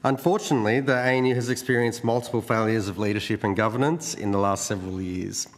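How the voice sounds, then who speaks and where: Lower-pitched man in echoey hall. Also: fairly even intonation. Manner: formal, measured. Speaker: union division secretary. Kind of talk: prepared opening statement to a parliamentary committee. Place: committee hearing room. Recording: echoey hearing room with long reverb.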